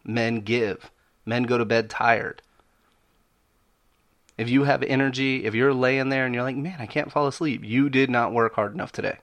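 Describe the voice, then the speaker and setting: Casting: male podcast host, American accent, medium pitch, casual but emphatic and preacherly, punches short repeated phrases. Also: fairly even intonation, moderate pace, pauses often, a bit bright.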